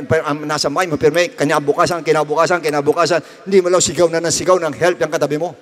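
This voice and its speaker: A man with a Filipino accent preaching a sermon as pastor, swinging widely between soft low passages and loud high cries and repeating his phrases. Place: church hall. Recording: long reverb of a church hall.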